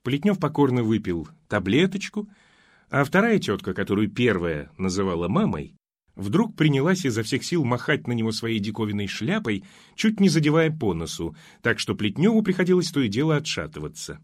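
Expressive male audiobook narrator. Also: medium pitch, moderate pace, dry recording, studio quality. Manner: expressive storytelling. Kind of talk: scripted narration.

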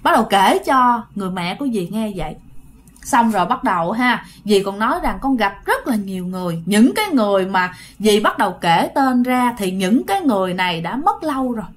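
A woman's voice: mid-range voice, big pitch swings, a little fast. A woman with a Southern Vietnamese accent telling a ghost story in a chatty way, talking straight to her listeners. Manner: chatty, addressing listeners directly.

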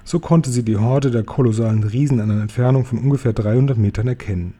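A man reading a children's book aloud, steady and expressive. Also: medium pitch, quick pace. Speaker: audiobook narrator.

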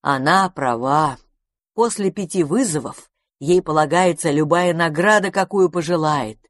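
A woman voicing the oldest male house spirit, speaking slowly, heavily and solemnly. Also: low-pitched, no room sound, studio quality. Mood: resigned. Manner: slow, heavy and solemn.

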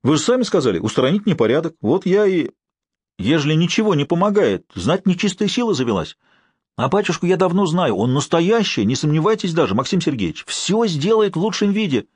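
A man's voice: on the high side, big pitch swings, brisk, a little mellow, breathy edge, dry recording, voice pushed up. A male narrator voicing a fussy, superstitious older caretaker who pleads in a folksy way. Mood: pleading. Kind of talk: audiobook character voice.

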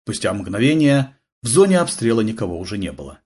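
A man's voice: fairly low pitch, very animated, fairly quick, a little mellow, breathy edge. A man reading an action novel aloud in a vivid, dramatic storytelling manner. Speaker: audiobook narrator. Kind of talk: expressive audiobook narration.

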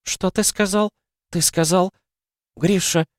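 A distraught mother howling accusations through tears, her voice pitched far up and straining, as a man reads her. It sounds close and dry, with no room around it. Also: fairly even intonation, takes it slowly, no room sound. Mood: hysterical, sobbing. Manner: shrill, sobbing screams. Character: hysterical grieving mother, shrieking and sobbing.

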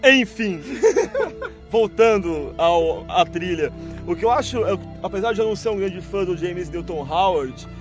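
A man co-hosting a podcast, animated, humming soundtrack beats as he talks. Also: high voice, measured pace, music in the background. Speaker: podcast co-host. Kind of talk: casual banter.

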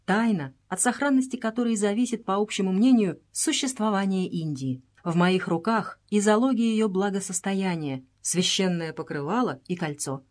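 A calm, commanding young English adventurer speaks firmly and decisively, read by a woman. The voice is of middling pitch for a woman. It is an audiobook character reading. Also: normal speed, few pauses, lightly acted. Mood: resolute. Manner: firm and resolute.

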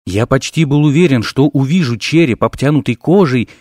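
A man reading fantasy fiction aloud as an audiobook narrator, in a lively, expressive storytelling manner. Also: mid-range voice, normal speed, no echo, studio quality. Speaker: audiobook reader.

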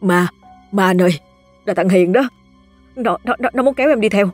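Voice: medium pitch, quick pace, dry recording, faint music behind, natural voice. A storyteller voicing a young fisherman who stammers in panic after a ghost attack. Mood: terrified.

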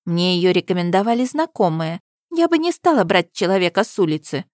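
Huffy middle-aged dressmaker lady, narrator putting her on, raised higher, dry sound. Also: lively intonation, a little fast, darkish tone, no echo, natural voice. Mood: fussy. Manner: fussy, exasperated. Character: fussy indignant middle-aged woman dressmaker.

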